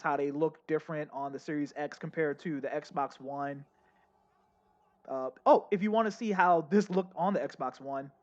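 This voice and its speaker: A young man giving casual, excitable live commentary while playing a game, talking straight to his chat. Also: fairly high pitch, dull audio. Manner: chatty, excitable, addresses chat as y'all. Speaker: game streamer.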